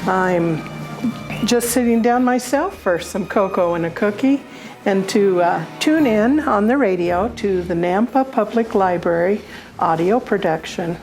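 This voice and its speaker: A woman plays a fond older Mrs. Claus in an audio drama. She talks slowly in a medium-pitched voice, gentle and amused, like a homey wife. Light music plays behind her. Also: close to an everyday voice. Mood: fond, cheerful. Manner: gentle, chuckling, unhurried.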